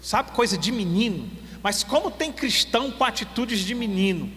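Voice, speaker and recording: A man's voice: high-pitched, animated, normal speed, bright, forceful tone. A male pastor preaching a sermon, emphatic and talking straight to the congregation. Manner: emphatic, addresses the congregation directly. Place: church hall. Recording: long church-hall reverb, faint music.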